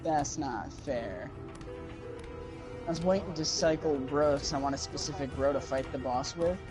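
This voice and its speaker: A man's voice: on the high side, normal speed, over music. A young man bantering while playing a video game, joking and griping with casual swearing. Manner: joking, complains loudly and swears. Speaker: gamer. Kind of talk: casual let's-play chat.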